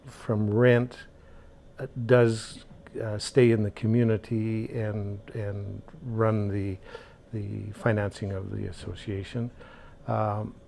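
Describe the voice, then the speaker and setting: A low, gravelly man speaking slowly and deliberately, pausing often on "uh". His delivery is flat and mellow. Faint noise is heard behind him. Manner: slow and deliberate, many "uh" pauses. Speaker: housing board member. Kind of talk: interview answers.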